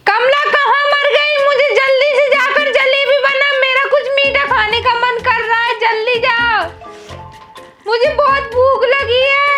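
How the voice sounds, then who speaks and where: A woman playing a greedy, always-hungry old mistress of the house who whines and shouts demands at her maid, in a comedy skit. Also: very high voice, full character voice. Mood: moaning hungry. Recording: background music under the voice.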